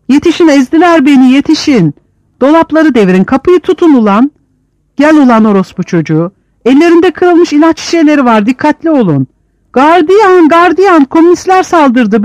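A man voicing a panicked male prisoner in a brawl, shouting frantic, crude curses in an audiobook. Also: very high voice, lively intonation, moderate pace, no echo, voice pushed up. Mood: frantic yelling.

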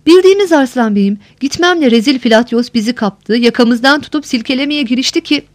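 A woman's voice: sits high, brisk, dry recording, lightly acted. A woman voicing a frightened, beaten old male steward who pleads and rambles on. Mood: pleading. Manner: whining, long-winded pleading.

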